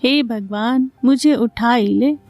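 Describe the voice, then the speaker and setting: A woman's voice: fairly high pitch, unhurried, mellow, no echo, soft background music, natural voice. A woman voicing a dramatic, scheming mother-in-law who talks theatrically and often sounds exasperated.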